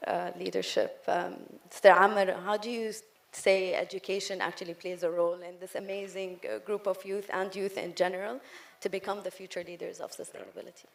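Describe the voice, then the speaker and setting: A woman's voice: medium pitch, flat delivery, brisk, creaky. A woman moderating a panel discussion, upbeat and chatty with some fillers.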